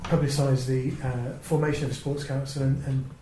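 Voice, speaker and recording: An English man chairs a formal parish council meeting indoors, speaking a little fast at medium pitch with a level tone. His manner is polite, procedural, and somewhat hesitant, and the echoey room carries clear background noise.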